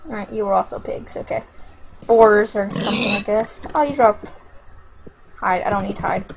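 A woman's voice: mid-range voice, normal speed, noisy background. A woman playing a survival video game, swearing freely and thinking aloud as she plays. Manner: profane, excitable, thinking aloud. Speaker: gamer. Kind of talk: let's play commentary.

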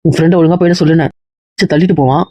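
A man's voice: on the high side, fairly even intonation, racing, warm tone, no echo, close to an everyday voice. A man playing an angry protective brother. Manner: harsh, threatening. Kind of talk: amateur web-series acting.

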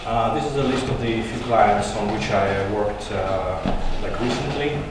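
A native Russian-speaking man in his thirties, with a lowish and slightly slow voice, delivers an English tech conference talk riddled with fillers and restarts. He uses a handheld mic in a large conference room, filmed by a far-off camera, so the recording is noisy and echoes through the hall.

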